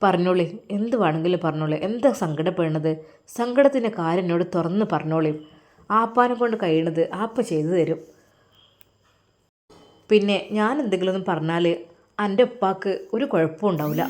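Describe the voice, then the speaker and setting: Kindly comforting uncle, a woman doing him, soft coaxing delivery. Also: lowish voice, fairly quick, natural voice. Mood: soothing. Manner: soothing, coaxing. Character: gentle middle-aged uncle, tender and comforting.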